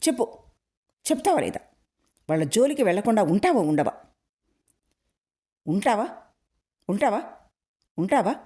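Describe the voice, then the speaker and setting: A woman reading aloud, voicing a short-tempered father who scolds and shouts at his daughter. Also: medium pitch, lively intonation, normal speed, natural voice. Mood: angry scolding. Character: angry middle-aged father, short-tempered.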